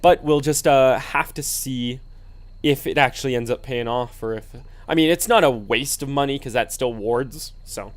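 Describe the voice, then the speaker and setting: Speaking at normal speed with a medium-pitched voice, a male esports commentator calls a video game match on his own. He's relaxed and explanatory, leans on lots of fillers, and sounds drowsy, yawning along the way.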